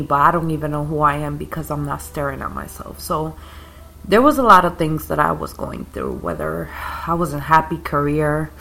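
In poor-quality audio, a woman hosting a podcast delivers a casual spiritual monologue in a low, gravelly voice. She rambles and rants, claims a calming voice, and coughs occasionally between drags on a cigarette.

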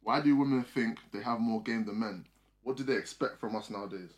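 A man's voice: lowish voice, brisk. A young man with a London roadman accent, hosting a podcast with casual banter in street slang. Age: young adult. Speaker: podcast host.

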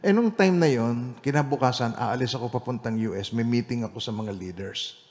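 Animated male pastor preaching in reverberant hall. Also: medium pitch, brisk. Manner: animated storytelling, swinging between loud emphasis and quiet asides. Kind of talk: Bible study sermon with personal testimony.

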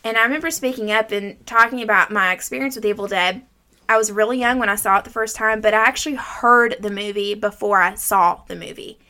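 Bright-voiced woman recapping horror films. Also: mid-range voice, a little fast. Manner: informal, salty language. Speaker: podcast host. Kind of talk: scripted movie recap with casual chat.

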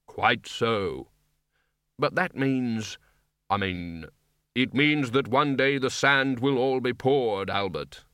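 A man voicing Death, an ancient, solemn and literal male reaper, speaking slowly and gravely in an audiobook reading. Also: mid-range voice, expressive, pushed and bright, dry recording, studio quality. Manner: slow, measured, grave delivery.

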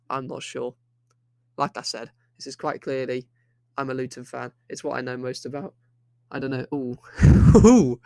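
Rambling opinionated football podcaster. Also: male voice, on the high side, clear, resonant tone, no room sound, clean studio sound. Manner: rambling, opinionated, with frequent restarts. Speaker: podcast host. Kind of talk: solo football podcast monologue.

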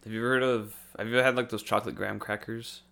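A young man with a gravelly, bright voice, a bit low in pitch, chatting casually as host. He rambles, restarts his sentences and giggles between thoughts. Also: little pitch movement, very fast. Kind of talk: casual chat.

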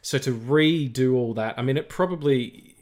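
A man's voice: mid-range voice, moderate pace, darkish tone. A man co-hosting a film podcast, talking casually with lots of fillers, restarts and jokes. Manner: rambling, many fillers and restarts, jokey. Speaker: podcast co-host. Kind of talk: casual film review chat.

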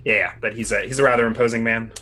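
A man's voice: mid-range voice, fairly even intonation, very fast, bright, forceful tone, a little hiss or hum. A man playing a tabletop game, describing a character in a casual, improvised way.

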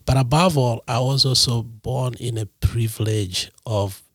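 A man's voice: mid-range voice, fairly even intonation, unhurried, a bit bright, husky, no room sound, clean studio sound. A man from Kenya, telling his personal story as a guest in a podcast interview, earnest and reflective.

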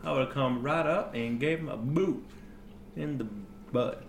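A boastful female rogue, voiced by a man who drops his voice far down, drawls her tall tales slowly in rough, crude grammar. The tabletop game is recorded in an echoey room with faint background noise. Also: medium pitch, pitched below the performer's own voice. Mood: drawling. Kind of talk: in-character storytelling at a tabletop game.

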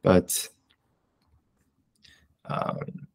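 Speaking very slowly in a darkish voice, a young man from Canada answers interview questions about his research coordinator work. His replies are casual and meandering, with many fillers and restarts.

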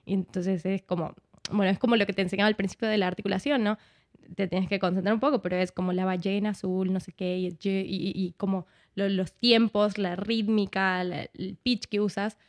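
Speaking a little fast in a mid-range voice with fairly even intonation, this woman is an Argentine actress chatting casually as a guest. She keeps tagging her thoughts with "¿no?" and shifts accents as she goes. There's no room sound on the recording.

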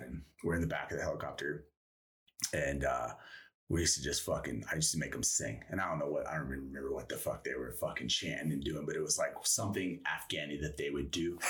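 A man's voice: rumbling low, a bit bright, distant mic. A man in his thirties and a former soldier, telling a rambling, profane story in casual interview talk. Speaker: guest, former Green Beret.

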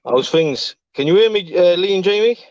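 A man's voice: high voice, lively intonation, normal speed, a little mellow, no room sound, lo-fi sound. A man, hosting a podcast in a casual, chatty style. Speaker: podcast host. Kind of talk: casual chat.

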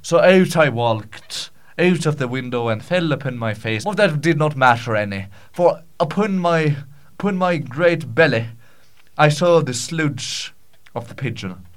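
A man with a higher, animated voice improvises an unhurried comic monologue as a pompous Scottish storyteller. Grandiose and rambling, he uses archaic phrasing, stumbles, and repeats himself.

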